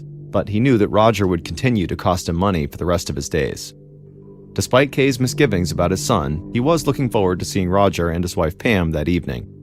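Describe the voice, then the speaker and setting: A man hosting a podcast, telling a true crime story in a measured, dramatic way with pauses. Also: low voice. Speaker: podcast host and narrator.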